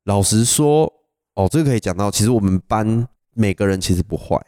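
A young Taiwanese man co-hosting a podcast, rattling off stories at a fast clip. His voice sits fairly low with a mellow, relaxed tone. He laughs easily, and the sound is dry with no room echo. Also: clean tone. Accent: Taiwanese Mandarin. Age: young adult. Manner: animated storyteller, laughs often. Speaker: podcast co-host. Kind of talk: casual storytelling chat.

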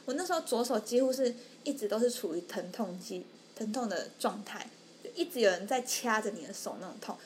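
A woman's voice: mid-range voice, expressive, brisk, slight background noise. A young woman, telling a story on a podcast and acting out the people she quotes. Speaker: podcast co-host. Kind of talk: casual storytelling chat.

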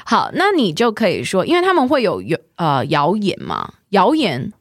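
A woman's voice: mid-range voice, huge pitch swings, normal speed, dry recording, clean studio sound. A woman teaching English vocabulary, patiently drilling words and having the learner repeat them. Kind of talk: bilingual language lesson.

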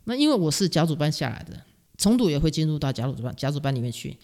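A middle-aged woman from Taiwan with a Taiwanese Mandarin accent, a music teacher telling stories as a guest in a casual interview, animated and self-mocking, laughing often. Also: low voice, fast.

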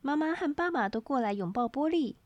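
A woman reads a children's storybook aloud in a high, sing-song voice. Her pitch bounces all over as she tells the tale. The recording is close and dry, with no room sound. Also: brisk, no room sound, lo-fi sound. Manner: lively, expressive read-aloud.

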